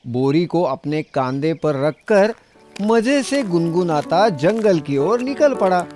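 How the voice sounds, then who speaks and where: A man with a slightly high voice narrates a scripted children's story slowly, in an expressive, dramatic storytelling style, with music playing underneath.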